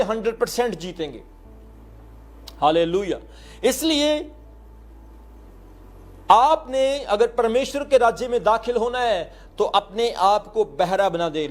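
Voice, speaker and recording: A male pastor preaching a sermon, telling stories and calling out hallelujahs, with English words mixed into his talk. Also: high-pitched.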